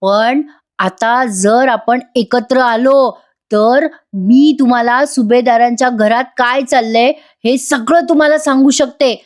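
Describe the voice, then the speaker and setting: A woman's voice: on the high side, slow. A woman voicing an angry, desperate young woman who argues and pleads. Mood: indignant. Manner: indignant, pleading.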